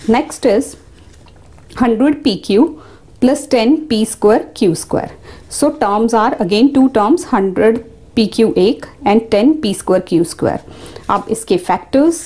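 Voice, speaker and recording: A woman's voice: mid-range voice, mellow. A woman teaching a maths class, explaining each step and speaking directly to the students. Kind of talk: classroom lesson mixing Hindi and English.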